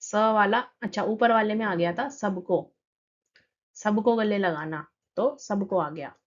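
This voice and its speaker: A woman teacher explaining a children's lesson patiently, reading poem lines slowly and then talking them through. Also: mid-range voice, highs cut off.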